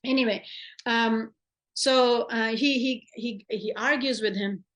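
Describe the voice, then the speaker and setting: A woman's voice: fairly high pitch, fairly even intonation, slow, a bit bright. Woman teaching a class, chatty and unscripted. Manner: conversational, many restarts, acts out quoted dialogue. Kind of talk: informal class lecture.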